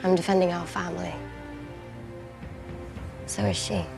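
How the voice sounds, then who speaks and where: A woman's voice: lowish voice, level tone, measured pace, gravelly, music in the background. A woman playing a tough, fiercely loyal young noblewoman in a television fantasy drama. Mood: firm, intense.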